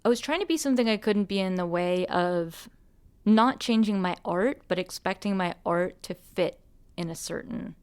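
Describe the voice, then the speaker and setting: A woman's voice: mid-range voice, normal speed, clear, resonant tone. A woman hosting a podcast, an artist talking earnestly and musingly, with restarts and light laughs. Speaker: podcast host and musician. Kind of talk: reflective conversation.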